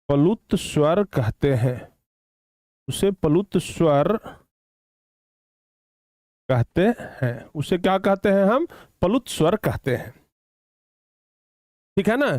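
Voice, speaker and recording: A man teaching children a grammar lesson, repeating phrases slowly for dictation and often checking whether they have understood. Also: fairly high pitch, darkish tone, no room sound, clean studio sound. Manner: slow, repetitive dictation, drawing out words; addresses students affectionately, checks understanding often.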